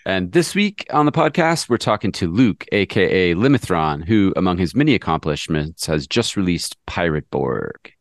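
A man hosting a podcast, chatting in an eager, excitable way. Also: low voice, normal speed, few pauses, dry recording, clean studio sound. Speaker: podcast host. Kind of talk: casual podcast chat.

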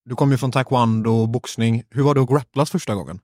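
A man's voice: medium pitch, darkish tone, no echo. A man hosting a casual podcast interview, asking questions and nodding along with short replies. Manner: engaged, frequent short affirmations. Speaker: podcast host.

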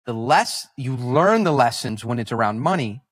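Halting, animated man telling stories on a podcast. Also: mid-range voice, husky, no room sound. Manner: halting, self-correcting, animated anecdotes. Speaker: podcast guest. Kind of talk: podcast interview storytelling.

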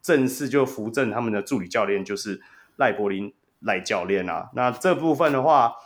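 A man's voice: fairly low pitch, moderate pace. Laughing Taiwanese Mandarin podcast host man. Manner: laughs often, animated storyteller. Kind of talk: casual sports podcast chat.

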